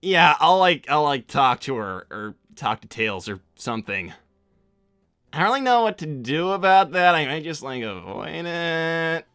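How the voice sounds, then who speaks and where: Casting: man as young male cartoon hedgehog, high-pitched and bright, casual, rambling, a bit awkward, dry close sound. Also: sing-song, a little slow, smooth, no room sound, full character voice. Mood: casual, unsure. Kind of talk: improvised in-character livestream Q&A.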